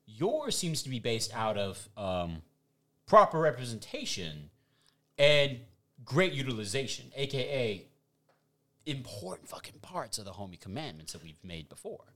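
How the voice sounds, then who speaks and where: A man co-hosting a casual podcast chat, animated and playful, swearing freely as he argues his point. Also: mid-range voice, measured pace. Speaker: podcast co-host. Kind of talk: casual chat ranking movie villains.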